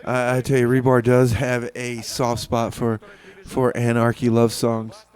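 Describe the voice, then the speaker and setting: As a comedic community radio host, a man moves between songs in a rambling, halting way, repeating himself and looping back over his phrases. His tone is mock-earnest and playfully exasperated, though his mid-range, darkish voice stays completely flat.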